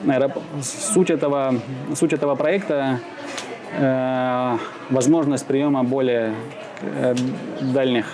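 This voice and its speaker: A man from Siberia being interviewed outdoors in the shade, answering slowly with many pauses, fillers and restarts. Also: mid-range voice, steady tone. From Russia (Siberia). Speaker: interviewee, expat businessman. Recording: outdoor crowd noise behind.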